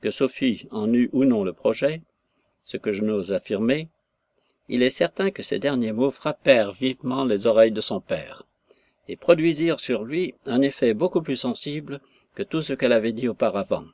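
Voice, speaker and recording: A man reads a classic novel aloud in a measured, even way. His voice sits at a middle pitch, recorded close and dry with no echo. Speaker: audiobook narrator. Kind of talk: scripted narration of a classic novel.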